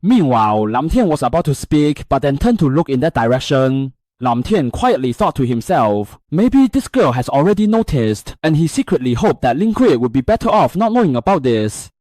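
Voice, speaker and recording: A male narrator reads through a comic story recap with a very animated, rising-and-falling delivery. His voice sits at an ordinary middle pitch and is recorded close and dry, with no room echo. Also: normal speed, hardly any pauses.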